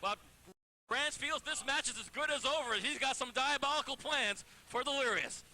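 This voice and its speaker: A man with a very bright, forceful, high voice gives colour commentary on wrestling. He is wordy and wry, with faint venue ambience behind him. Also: moderate pace, a little hiss or hum, rough recording.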